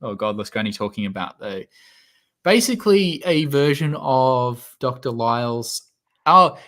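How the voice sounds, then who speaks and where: Young Australian man, guest on a video call, hesitant and rambling, middle pitch. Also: lively intonation, a little slow, a bit bright. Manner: rambling, hesitant, restarts often. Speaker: guest physicist. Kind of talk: casual livestream chat.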